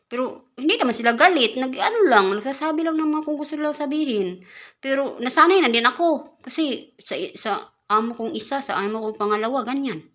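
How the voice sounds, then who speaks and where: A woman from the Philippines talks to her viewers in a loose, chatty vlog. Her voice is bright and clear. She often repeats and restarts words and breaks into laughs as she goes. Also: high-pitched, lively intonation, fairly quick. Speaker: caretaker vlogger. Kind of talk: casual vlog talk.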